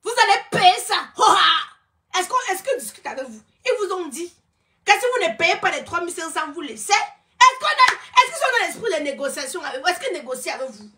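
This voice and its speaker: A woman's voice: extremely high pitch, sing-song, brisk, pushed and bright. A woman, a film producer ranting and scolding her viewers on a live social media video. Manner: scolding, mocking, insulting. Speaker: film producer running a casting.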